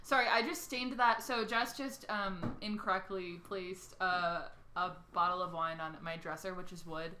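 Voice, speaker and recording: A woman's voice: lowish voice, steady tone, background noise. A woman co-hosting a podcast, chatting casually and joking with friends in her bedroom. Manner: joking, quick banter. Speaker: podcast co-host. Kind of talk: casual chat.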